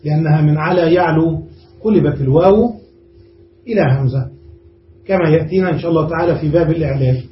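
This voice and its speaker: A man's voice: fairly high pitch, fast talker, pauses often. A man giving a classroom grammar lesson, explaining step by step and often checking whether the class understood. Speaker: grammar teacher. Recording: roomy, distant, dull lo-fi room recording with faint noise.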